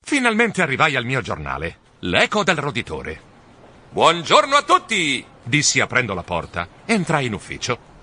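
A man reading a children's storybook aloud in the first person, with animated, expressive delivery. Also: medium pitch, moderate pace, breathy edge. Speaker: audiobook narrator.

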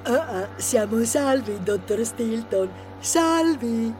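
A man's voice: very high voice, lively intonation, unhurried, darkish tone, soft background music, pitched above the performer's own voice. A man voicing a nervous, overdramatic boy in a storybook reading. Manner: anxious, dramatic.

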